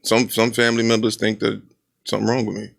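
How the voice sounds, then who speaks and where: A man in his thirties with a heavily gravelly, fry-laden voice talks fast in a casual podcast chat. He is blunt and animated and jumps into quoted voices as he tells stories. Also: on the low side. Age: 30s. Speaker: podcast co-host.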